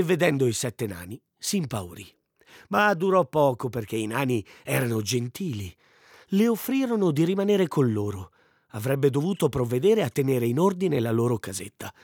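A man reads a fairy tale aloud, lively and expressive, his voice a bit husky. The sound is close and dry, with no room around it. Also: medium pitch, no room sound. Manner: expressive, animated. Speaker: storyteller. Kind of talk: storybook reading.

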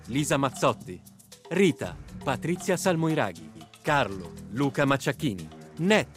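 Man reading radio credits. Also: on the high side. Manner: measured, formal. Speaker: announcer.

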